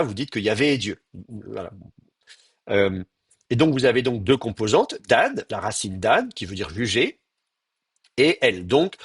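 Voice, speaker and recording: A man lecturing a class, explaining step by step and often pausing on fillers as he sounds out words. His voice is a little husky and swings widely in pitch. The sound is close and dry. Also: dry recording. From France. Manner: explains patiently, hesitant fillers, demonstrates pronunciations aloud. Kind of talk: university lecture.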